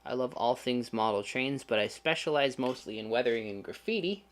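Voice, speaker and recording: A man's voice: medium pitch, brisk. A man hosting a casual livestream, chatting with viewers and making sarcastic, joking asides. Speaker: channel host.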